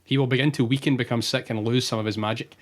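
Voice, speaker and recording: A man co-hosting a casual podcast, reading out folklore quickly and laughing through it. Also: mid-range voice, steady tone. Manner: quick, laughs through his own telling. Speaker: podcast co-host.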